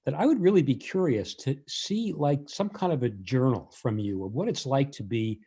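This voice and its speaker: A man's voice: medium pitch, lively intonation, normal speed, warm tone, husky. A man on a school board making wry, conversational remarks over a video call. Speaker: board member. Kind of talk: informal remarks at a board meeting.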